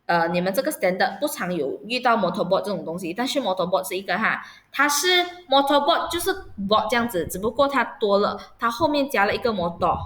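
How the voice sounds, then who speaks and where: A woman's voice: mid-range voice, lively intonation, brisk, few pauses, a bit bright. A woman teacher running an online vocabulary lesson for children. She spells words out letter by letter and patiently checks that her pupils understand.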